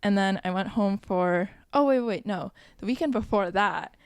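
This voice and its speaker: Casting: young adult woman, podcast co-host, chatty with constant "like" fillers, plays out the quotes, mid pitch, dry sound. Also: moderate pace, clear, resonant tone, no echo. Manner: chatty, full of "like" fillers, acts out quoted speech. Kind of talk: casual chat.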